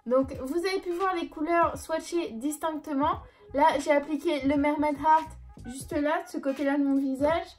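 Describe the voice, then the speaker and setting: A woman's voice: high voice, steady tone, moderate pace, faint music behind. A young woman chatting casually through a beauty haul and review, light and self-deprecating, with plenty of hesitant fillers. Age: young adult. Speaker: beauty vlogger. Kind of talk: casual product review vlog.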